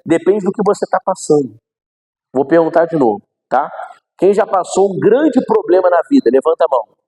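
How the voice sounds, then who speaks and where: A man's voice: a little high, animated, normal speed, mellow, slightly rough, rough recording. A man preaching a sermon as pastor. He asks the audience questions and acts out the voices of the people in his examples. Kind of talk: sermon teaching.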